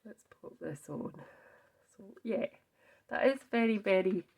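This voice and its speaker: Slow, gravelly-voiced woman crafting. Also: mid-range voice. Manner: chatty, murmurs to herself while working; drops to soft half-whispers while crafting. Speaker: craft video host. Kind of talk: casual craft tutorial.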